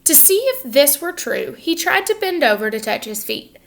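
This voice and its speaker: A teacher with a high, creaky female voice reads a children's picture book aloud, expressive and instructive, with pauses to check that the young listeners are following.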